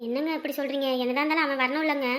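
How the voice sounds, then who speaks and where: A woman's voice: high voice, fairly even intonation, racing, fairly bright tone. A woman playing an anxious village mother, pleading and laughing through tears. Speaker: mother of the girl. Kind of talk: village drama acting.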